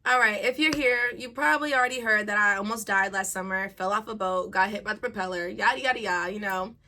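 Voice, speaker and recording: A young woman casually telling a personal story to her viewers, animated and chatty, laughing now and then. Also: medium pitch, fast talker, slight background noise. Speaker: vlogger.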